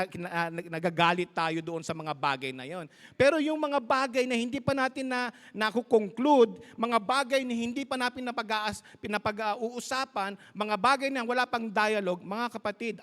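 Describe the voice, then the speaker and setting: In a large church hall, a pastor delivers a live sermon in a mix of Tagalog and English, emphatic and full of storytelling. His voice is high with a fairly bright tone. The recording has the long reverb of live church sound.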